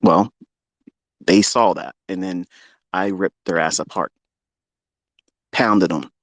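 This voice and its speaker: A man ranting as a trading mentor on a live audio call, boastful and full of swearing, taunting his challengers and swinging between loud jabs and low asides. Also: slow pace, no room sound. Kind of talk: combative live-audio rant.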